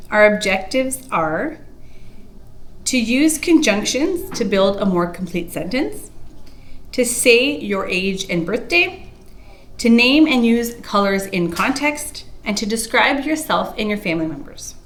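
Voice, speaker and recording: A woman with a Canadian accent teaching a French lesson, pronouncing each example slowly and carefully. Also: fairly high pitch, big pitch swings, a bit bright, slight background noise. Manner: slow, careful pronunciation of example sentences. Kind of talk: spoken language lesson.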